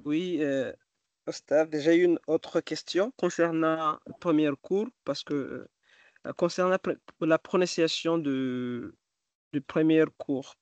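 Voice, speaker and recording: A man, a student in an online class, asking a question hesitantly with many pauses and restarts. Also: a little high, clean tone, dry recording. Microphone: video call.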